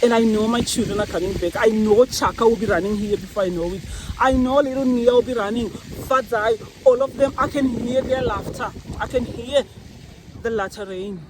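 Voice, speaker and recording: An earnest woman speaks from the heart about her faith while standing beside a park fountain. Her recording is noisy, with running water and outdoor ambience clearly heard around her voice. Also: fairly high pitch, normal speed. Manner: earnest, tearful-tinged, faith-filled testimony. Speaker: vlogger. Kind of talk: emotional personal monologue.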